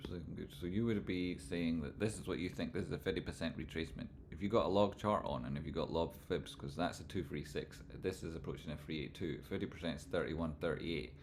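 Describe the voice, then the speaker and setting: A man with a broad Scottish accent hosting a livestream, talking informally and loosely, not always crisply enunciated, as he comments on charts and chats with viewers. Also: sits low, fast talker, few pauses, slight background noise. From Scotland. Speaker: livestream host and trading analyst. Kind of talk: live chart commentary and casual chat with viewers.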